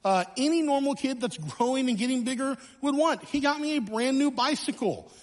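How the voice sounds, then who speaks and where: A man from Illinois with a high voice speaks to a church congregation. He tells stories in an animated way with self-mocking humor. His voice rings with the long reverb of a church hall. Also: brisk. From Illinois, USA. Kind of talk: sermon announcements and storytelling. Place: church sanctuary.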